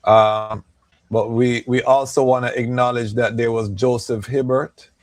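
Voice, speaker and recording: Man, mid-pitched, measured co-host, dry close recording. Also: flat delivery, no echo. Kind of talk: live talk show discussion.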